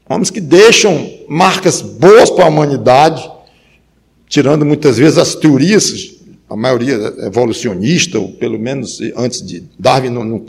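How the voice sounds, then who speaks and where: A man preaching a sermon, rising to loud emphatic peaks and dropping to low quiet stretches, often repeating words as he thinks. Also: gravelly, slightly rough. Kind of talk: sermon on Ecclesiastes.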